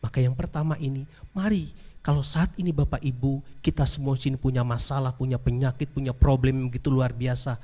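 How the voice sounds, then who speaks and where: A middle-aged man giving a sermon, telling a story in a lively, chatty way and addressing listeners directly. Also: medium pitch, a little fast, big-room sound. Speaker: lay preacher.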